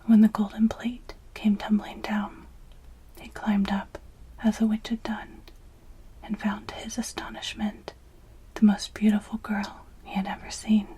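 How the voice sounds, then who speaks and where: A woman reads a fairytale as ASMR in a breathy, unvoiced whisper, very close to the ear. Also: mid-range voice, mellow. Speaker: storyteller. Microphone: close ear-to-ear microphone.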